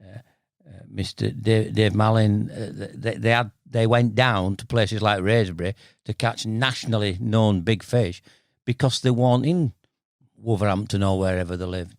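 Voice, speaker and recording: A man in his sixties with a low, gravelly voice and a Bradford accent. He talks bluntly and colloquially, like a mate across the table, telling stories in a casual interview. The sound is close and dry. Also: fairly even intonation, normal speed, no room sound. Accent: Bradford Yorkshire. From Bradford, Yorkshire, northern England. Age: 60s. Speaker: podcast guest, veteran carp angler.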